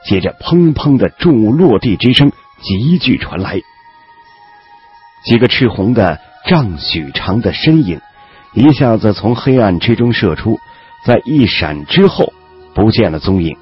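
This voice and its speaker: Brief: male audiobook narrator, low and husky, lively and animated delivery; muffled lo-fi track with faint music. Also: unhurried. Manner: expressive storytelling with lively pitch.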